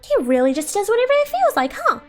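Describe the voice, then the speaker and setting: A woman voicing a small, bossy, excitable fairy companion from a game, chirpy and pestering. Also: very high-pitched, quick pace, voice pushed up, exaggerated voice. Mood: grumbling, resigned. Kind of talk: reading game dialogue aloud in character. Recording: game music under the voice.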